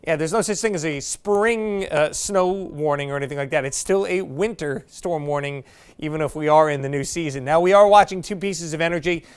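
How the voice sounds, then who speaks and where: A man's voice: fairly high pitch, brisk, clean tone. A man presenting a TV weather forecast in a chatty, folksy way with casual asides. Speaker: meteorologist.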